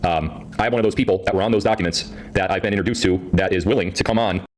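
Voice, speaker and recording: A man streaming live to his viewers through a voice changer that shifts his voice deep, talking casually and rambling, often repeating himself. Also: fast talker. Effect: deep pitch-shifting voice changer.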